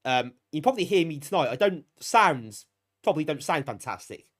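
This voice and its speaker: A British live streamer running a retro gaming stream sounds bunged up, still recovering from a cold. His slightly high voice is very animated and a little fast as he talks casually to viewers, joking at his own expense and thanking them.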